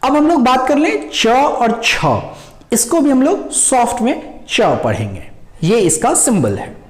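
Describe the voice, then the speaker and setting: A woman teaching English pronunciation sounds in a slow lesson, drawing out each sound she demonstrates. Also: sits high, very animated, reverberant.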